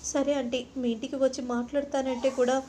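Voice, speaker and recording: A woman's voice: sits high, little pitch movement, brisk, warm tone, a little hiss or hum, lightly acted. A woman voicing a hurt, pleading young woman. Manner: pleading, polite.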